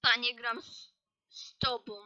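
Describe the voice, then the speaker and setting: A woman's voice: on the high side, little pitch movement, takes it slowly, bright, forceful tone, rough recording. A young woman chatting casually as she plays a chatbot game, reading typed lines aloud in an exasperated, playful way, with keyboard clicks nearby. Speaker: gaming youtuber.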